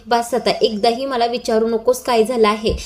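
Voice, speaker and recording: A woman's voice: on the high side, flat delivery, moderate pace, a little mellow, close to an everyday voice. Upset mom with a secret, woman doing her lines, stern and despairing. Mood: distraught. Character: distraught middle-aged mother hiding a secret.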